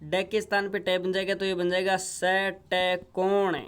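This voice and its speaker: A man's voice: sits high, completely flat delivery, measured pace, fairly bright tone, smooth. A man teaching a grammar lesson, going over each rule step by step and repeating the examples. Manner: repetitive step-by-step explaining.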